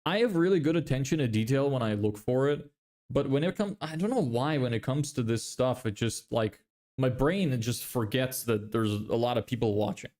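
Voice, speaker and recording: On his livestream, a young Lithuanian man who sounds American chats loosely at a moderate pace, his mid-range, darkish voice full of lively intonation. He's building a business, and he reads viewer comments, makes self-deprecating jokes, swears casually and laughs frequently.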